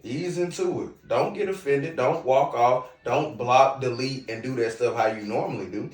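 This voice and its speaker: A man's voice: mid-range voice, moderate pace, recorded from a distance. A man with a slight Southern US twang hosting a casual podcast monologue in a hookah lounge, brash and lecturing, speaking straight to his viewers. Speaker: podcast host. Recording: roomy, off-mic with music behind.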